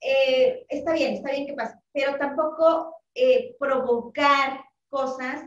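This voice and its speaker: Woman, host, high voice, chatty, agreeable, echoey room, dull call audio. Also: steady tone, slow, distant mic. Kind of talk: casual panel chat.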